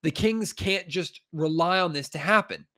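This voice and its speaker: Stuffy-nosed guy doing his sports podcast, kinda high voice, emphatic and fed up. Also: normal speed, bright, forceful tone. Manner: emphatic, frustrated, talks with many fillers. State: congested from a cold. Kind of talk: casual sports podcast commentary.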